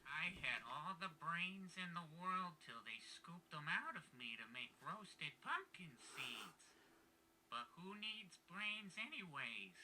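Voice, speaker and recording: A brainless, cheerful Halloween pumpkin toy telling jokes theatrically. The voice is round and hollow, fairly high and slow, played through a small speaker with faint noise. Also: male voice, big pitch swings, pushed and bright, heavily acted, rough recording. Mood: silly. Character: goofy brainless talking jack-o'-lantern, jokey and cheerful. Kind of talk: animated Halloween toy character.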